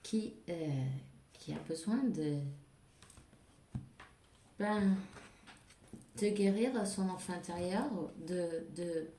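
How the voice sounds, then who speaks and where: A woman's voice: fairly low pitch, extremely slow, pauses often, mellow, slight background noise. A woman doing a casual spiritual card reading, hesitant with many fillers and restarts. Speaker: tarot card reader. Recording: echoey room.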